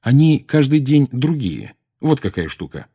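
Terse, cold teenage boy, read by a man, slightly raised, husky. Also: medium pitch, sing-song, measured pace, warm tone, pitched above the performer's own voice, exaggerated voice. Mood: cold defiance. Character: teenage boy wizard, cool and defiant. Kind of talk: audiobook character voice.

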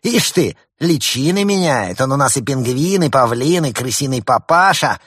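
A man voicing a hot-tempered male animal police lieutenant playing bad cop, shouting threats and insults. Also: mid-range voice, expressive, moderate pace, breathy edge, dry recording, clean studio sound, voice pushed up. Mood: screaming. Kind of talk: audiobook character voice.

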